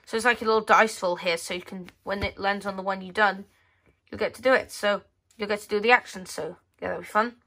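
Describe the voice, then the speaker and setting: Her mid-range voice is creaky, bright and forceful, moving briskly with fairly even intonation. She hosts a magazine flip-through video indoors at a tabletop, casually going page by page, reading excerpts and rephrasing her hesitant sentences.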